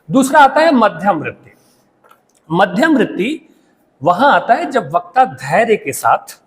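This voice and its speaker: A man teaching a Hindi lesson, explaining slowly with pauses and checking in with "theek hai". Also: high-pitched, in a large hall. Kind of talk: classroom lecture.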